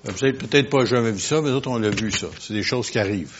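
Preacher with booming emphatic bursts. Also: male voice, fast talker. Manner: swings from quiet asides to loud emphatic bursts; conversational, questions the congregation. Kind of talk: sermon. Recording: lo-fi, dull sound.

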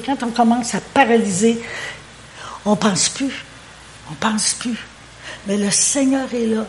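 A woman's voice: a little high, slight background noise. A woman with a Québécois French accent preaching a sermon, talking animatedly and repeating words as she searches for phrasing. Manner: animated, acts out quoted prayers and dialogue.

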